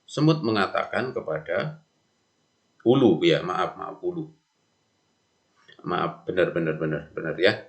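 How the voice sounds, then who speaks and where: A middle-aged male teacher giving a lesson, explaining calmly with frequent fillers and self-corrections. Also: sits low, measured pace, creaky, pauses often. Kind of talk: classroom lesson narration.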